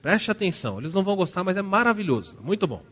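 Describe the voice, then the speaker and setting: A man in his thirties preaching a sermon as pastor, with a Brazilian Portuguese accent, who acts out family scenes and moves between loud and soft. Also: high-pitched, sing-song, racing. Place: church.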